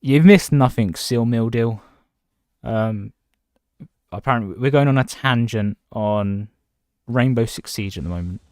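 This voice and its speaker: A man's voice: on the low side, measured pace, darkish tone, smooth, dry recording, clean studio sound. A man casually chatting on a livestream from home, rambling between topics and greeting viewers by name. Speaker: livestreaming gamer.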